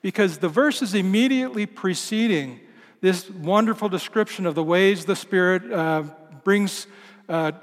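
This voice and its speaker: Higher-voiced male preacher in reverberant church. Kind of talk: reflective sermon. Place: large church.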